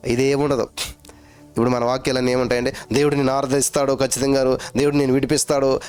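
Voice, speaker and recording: A man preaching a sermon with fervor, chanting repeated phrases and calling out hallelujahs, with English phrases drawn out slowly. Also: on the high side, a little mellow. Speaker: pastor.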